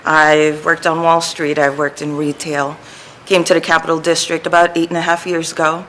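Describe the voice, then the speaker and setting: A woman's voice: deep voice, flat delivery, moderate pace, fairly bright tone, a little hiss or hum, poor audio. A woman from New City, a returning adult student speaking candidly and with emphasis. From New York City. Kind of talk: interview testimonial.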